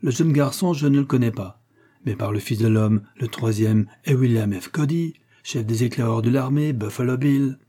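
A man's voice: mid-range voice, moderate pace, dark tone, close to an everyday voice. A man voicing a grateful, commanding army major in a storybook reading, speaking formally and courteously.

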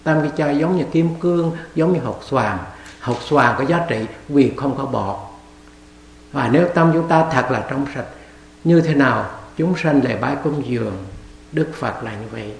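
A man's voice: medium pitch, normal speed, gravelly, a little hiss or hum. A man, a monk, giving a dharma talk at a retreat, telling a story and acting out its characters in dialogue. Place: meditation hall. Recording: echoey hall.

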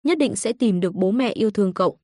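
A woman reading a calm, firm young exorcist. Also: mid-range voice, fast talker, dry recording, clean studio sound, close to an everyday voice. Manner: firm, gentle.

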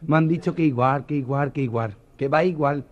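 A comedian voicing gossipy, effeminate friends who gush in a sing-song way, on a dull cassette recording. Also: male voice, on the high side, a little fast, voice pushed up, close to an everyday voice.

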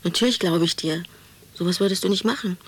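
An actress playing an anxious, pleading, embittered mother in a radio drama, speaking intimately and often hushed. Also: fairly low pitch, fast, breathy edge. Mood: soothing. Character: anxious, pleading, bitter mother of a withdrawn son. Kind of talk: naturalistic German radio drama.

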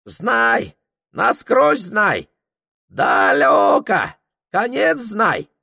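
An old hunter, stubborn and fearful, barks short broken phrases in a high, strained voice. He sounds like a figure in an audiobook, pitched well above a plain reading voice. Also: huge pitch swings, drawn-out words, vocal fry, sharp tone, breathy edge, no echo, clean studio sound, full character voice. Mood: stubborn, warning. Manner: broken grammar, clipped exclamations. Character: elderly Tungus hunter man, stubborn, fearful.

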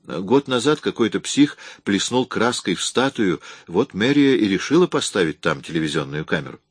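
A man reading an audiobook, voicing a bored, spoiled young rich woman with flat, reluctant replies. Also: lowish voice, moderate pace, breathy edge, no echo, clean studio sound.

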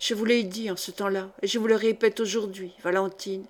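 A woman's voice: on the high side, fairly even intonation, unhurried, natural voice. Woman reading a brooding vengeful nobleman. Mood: bitter. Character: embittered vengeful nobleman, middle-aged man. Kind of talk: audiobook character reading.

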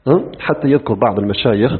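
A middle-aged man teaching a lecture on religious creed, animated, asking rhetorical questions and answering them himself. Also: medium pitch, fast, husky. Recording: tinny phone-like lo-fi recording.

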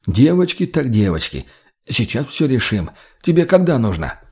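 A man's voice: big pitch swings, a little mellow, breathy edge. A man putting on a fawning fat slave trader. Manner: wheedling, placating, higher and slower.

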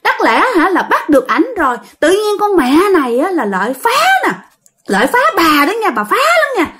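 A woman's voice: very high voice, very animated, moderate pace, fairly bright tone, pitched above the performer's own voice, full character voice. A woman voicing a coy, lovesick female ghost who speaks in an affected, mincing way. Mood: accusing.

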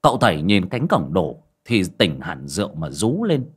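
A male narrator reads a folksy audio story. His husky voice moves up and down freely as he tells it with vivid sound words. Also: low voice, sing-song, normal speed.

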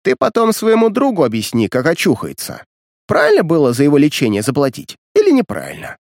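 A man's voice: on the high side, wildly swooping pitch, brisk, darkish tone, no echo, studio quality. A man doing an exasperated clinic doctor.

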